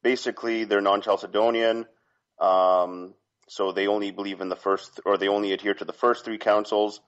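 A man from Canada calling in to a talk show, polite and halting, with many fillers and restarts. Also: on the low side, flat delivery. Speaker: caller. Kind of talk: phone-in question. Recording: dull lo-fi phone line.

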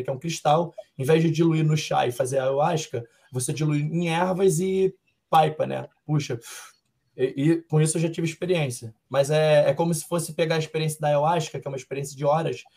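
Calm, reflective Brazilian young man. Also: a little high. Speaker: MMA fighter guest. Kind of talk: casual interview answers.

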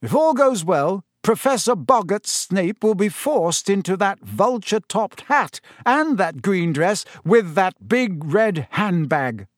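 A man voicing a kindly, wry male teacher who speaks in a gentle, measured, amused way. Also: high-pitched, sing-song, no echo, studio quality, pitched above the performer's own voice, exaggerated voice. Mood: encouraging.

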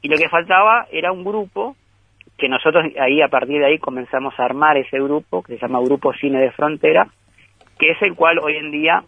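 A guest filmmaker talks over a tinny phone line in a conversational interview, describing his group's work in a thoughtful, rambling way with lots of restarts. His voice sits on the high side, moves fairly quickly, and carries vocal fry, and the recording itself is dry.

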